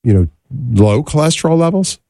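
A man's voice: fairly high pitch, sing-song, a little fast, warm tone, dry recording, clean studio sound. A man hosting a radio call-in show in a conversational style.

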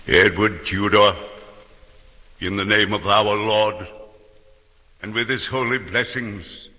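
An actor playing a solemn archbishop, intoning ceremonial words in a theatrical period drama. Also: male voice, lowish voice, steady tone, takes it slowly, sharp tone. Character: solemn archbishop crowning a king. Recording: large reverberant hall.

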